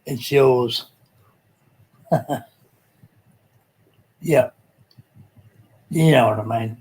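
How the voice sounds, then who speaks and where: A man's voice: medium pitch, extremely slow, darkish tone, slightly rough, rough recording. A man with a Tasmanian Australian accent hosts a casual live chat in a laid-back, colloquial, hesitant way, with lots of ums. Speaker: livestream host.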